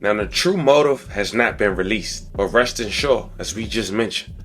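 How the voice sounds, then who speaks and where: Brief: casual true-crime channel host, bright and forceful. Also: male voice, lowish voice, moderate pace, a little hiss or hum. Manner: casual, slangy address to viewers. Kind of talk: scripted commentary.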